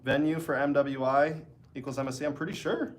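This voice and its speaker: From his hotel room, an esports caster with a stuffy nose casually talks to his livestream chat at a fairly quick pace and medium pitch. His manner is loose, easygoing, and wandering, hopping between thoughts.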